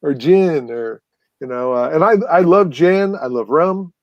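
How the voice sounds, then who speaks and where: A man's voice: on the high side, expressive, a little slow, no room sound, lo-fi sound. A man appearing as a guest, telling long stories in a casual, rambling way with many fillers and restarts. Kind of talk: casual storytelling chat.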